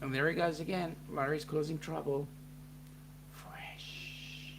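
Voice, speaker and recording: A New Zealand-accented man co-hosts a relaxed live chat, reading viewer comments aloud with lots of ums. His voice is fairly high with vocal fry and a fairly quick pace, and background noise can be heard.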